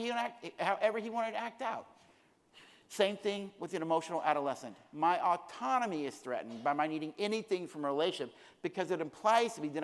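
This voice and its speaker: A middle-aged man presenting at a conference, speaking earnestly and repeating phrases for emphasis. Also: sits high. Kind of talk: conference lecture. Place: conference hall. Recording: long hall reverb.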